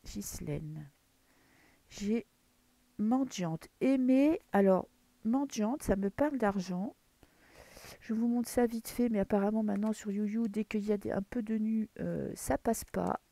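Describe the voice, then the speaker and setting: A woman with a French accent reads tarot in a dim room at home in the early morning, chatting and rambling with fillers and restarts. Her medium-pitched voice is a little slow, creaky and dark, with no room sound.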